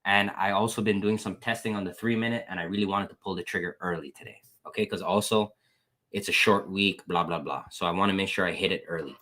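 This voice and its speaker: Lowish-voiced guy chatting through his trades on screen, laid back. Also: fast talker, bright, forceful tone. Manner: casual, repeats "guys" and "boom", thanks chat members. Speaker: trading educator. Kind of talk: screen-share trade recap.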